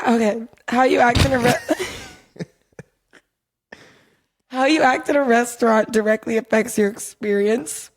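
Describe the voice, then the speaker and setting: A woman's voice: fairly high pitch, steady tone, unhurried, long pauses. A woman co-hosting a casual podcast, teasing her co-host and laughing often. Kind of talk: casual chat.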